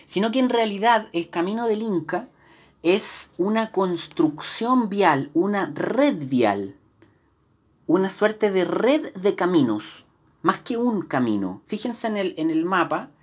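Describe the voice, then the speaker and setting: Explaining from slides indoors, a history teacher with a Chilean Spanish accent gives a live lesson full of fillers and restarts. She speaks at medium pitch in an unhurried, sing-song way with a breathy edge.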